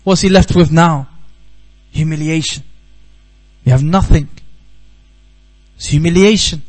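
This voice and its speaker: A man's voice: fairly high pitch, a little slow, a little mellow, low-quality recording. A man from the United Kingdom giving a religious talk at a seminar, telling a story earnestly and repeating key phrases for emphasis. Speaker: Islamic teacher. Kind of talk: Q&A talk after a religious lesson. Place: seminar hall.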